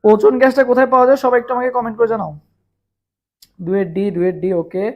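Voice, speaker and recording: Hoarse from hours of teaching, this Bangladeshi Bengali-accented man leads a live chemistry lesson online, repeating questions and drilling students on answers. His voice is very high-pitched and racing, and the audio sounds lo-fi.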